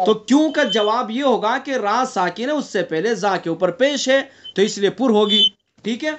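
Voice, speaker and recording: A man runs an online Quran recitation class, quizzing his students and walking through each rule step by step, breaking into slow chanted recitation along the way. His voice sits high, and background noise comes through the online class connection.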